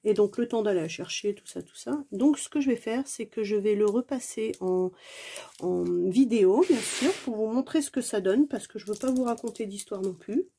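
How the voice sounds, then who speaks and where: A woman's voice: medium pitch, moderate pace, dark tone, breathy edge. A woman chatting casually to her viewers while unboxing a craft kit at home, exclaiming often and joking about herself. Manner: chatty and exclamatory, many fillers; playful, self-mocking. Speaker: diamond painting vlogger.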